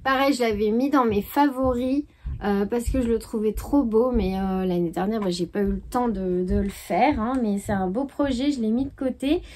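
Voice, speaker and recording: A woman's voice: on the high side, moderate pace, mellow, slight background noise. Chatty, hesitant woman knitting vlogger. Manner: chatty and hesitant, many fillers. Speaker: knitting podcast host. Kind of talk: casual chat.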